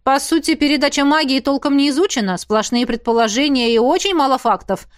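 A woman's voice: sits high, a little fast, voice pushed up, close to an everyday voice. A woman reading an audiobook, voicing an unflappable young female student who asks matter-of-fact questions. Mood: inquisitive.

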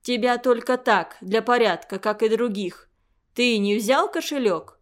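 A furious old woman who runs a boarding school, as a woman reads her in a storybook. She speaks slowly and heavily, each word hoarse and threatening. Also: on the high side, lightly acted. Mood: grim. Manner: slow, menacing, hoarse.

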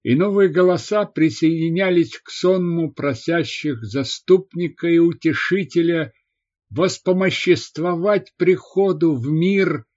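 A man narrating an audiobook in a measured, expressive scripted reading. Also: fairly high pitch. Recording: slightly dull lo-fi recording.

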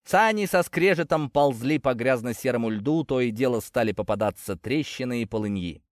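A man's voice: moderate pace, no echo, studio quality. A man reading an adventure story aloud as an audiobook narrator, shifting his voice for the characters. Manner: lively, shifts pitch for dialogue.

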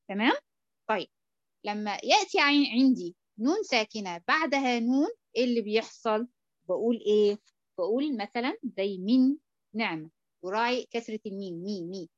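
A woman's voice: fairly high pitch, no room sound. Egyptian woman teaching tajweed, dull dry sound. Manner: patient, checks understanding often, drawn-out demonstration syllables. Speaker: Quran recitation teacher. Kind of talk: tajweed lesson.

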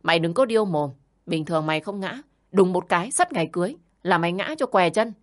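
A woman doing a shrill, scolding older aunt. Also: animated, fast, close to an everyday voice. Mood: yelling. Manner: yelling, berating, harsh.

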